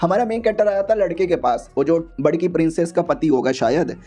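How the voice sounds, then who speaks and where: A man's voice: a little high, brisk, dark tone. A man narrating a comic-story recap in a chatty, slangy way with joking asides.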